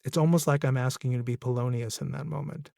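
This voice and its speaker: A man's voice: mid-range voice, steady tone, fast talker, vocal fry, warm tone, no room sound. Self-mocking man hosting, dry sound. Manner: musing, self-deprecating, laughs at himself. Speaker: podcast host. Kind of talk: casual interview chat.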